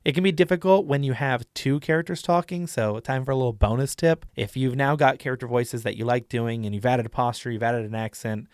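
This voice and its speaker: A man's voice: medium pitch, fairly even intonation, fairly quick, few pauses, no room sound, studio quality. A young man hosting a casual tutorial, chatty and demonstrative with lots of fillers. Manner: chatty, demonstrative, lots of likes and you-knows. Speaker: YouTube host and dungeon master.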